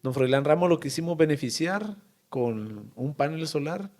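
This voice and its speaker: A man with a Honduran accent, a town mayor telling a personal story in an interview, halting and emotional with many pauses and fillers. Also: a little high, expressive, a little mellow. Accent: Honduran Spanish.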